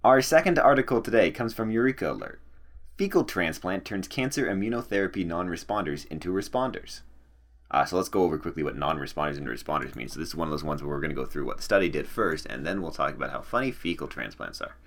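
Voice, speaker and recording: A man's voice: deep voice, animated, fast talker. A man hosting a podcast, chatting casually and animatedly and laughing often. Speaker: podcast host. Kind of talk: casual chat.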